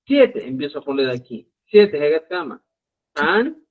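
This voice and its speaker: A man teaches a live online Quechua lesson, walking through each step and stopping to check that his students follow. His voice sits high and swings widely in pitch. The sound is thin and tinny, like a phone line. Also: big pitch swings, unhurried. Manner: explains step by step, checks in with "¿ya?" and "estimados amigos".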